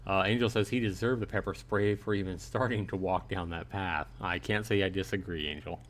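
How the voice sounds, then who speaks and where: A livestream host reads a visual novel aloud and tosses out casual commentary, chatting conversationally with his viewers. His voice sits low and a bit bright, brisk with fairly even intonation.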